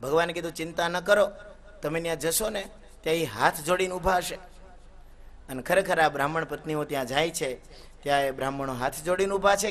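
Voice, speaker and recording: High, bright-voiced man preaching a story sermon. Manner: chants Sanskrit verses within the story; voices characters in dialogue while narrating. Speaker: katha preacher.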